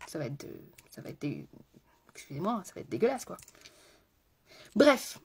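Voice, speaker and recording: A woman's voice: lowish voice, very animated, normal speed, gravelly, a little mellow, husky. A woman makeup artist chatting through a live makeup tutorial, talking straight to her viewers with rambling asides.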